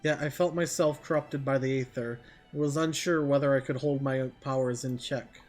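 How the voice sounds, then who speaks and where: A man's voice: mid-range voice, steady tone, moderate pace, faint music behind, lightly acted. Man playing a solemn, remorseful old mage. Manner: grave, formal archaic confession. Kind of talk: reading game dialogue aloud in character.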